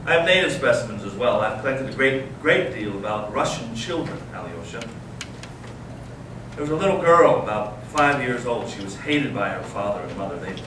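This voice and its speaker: A man reads the part of a bitter, intense young Russian intellectual brother, searching and provocative, in a staged readers theater piece. His mid-range voice is expressive and close to everyday speech, with deliberate, earnest phrasing, dramatic pauses, and a grave, indignant mood. The distant mic picks up heavy echo and clear background noise in this amateur recording.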